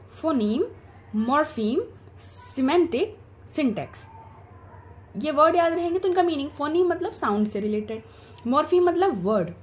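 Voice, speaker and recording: A woman's voice: high voice, a little mellow. A woman with an Indian accent teaching an exam-prep lesson. She asks questions and then answers them herself. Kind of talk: explanatory lecture.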